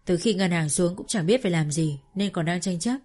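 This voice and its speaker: A woman reading a first-person family story in a calm, intimate storytelling manner. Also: lowish voice, a little fast.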